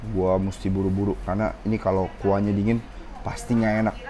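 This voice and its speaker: A man's voice: on the low side, flat delivery, fairly quick, mellow. A man, reviewing food in a casual vlog in a ramen restaurant, chatting to viewers as he tastes, a bit of a sore throat. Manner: chatty, keeps saying guys, tastes as he talks. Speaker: food vlogger.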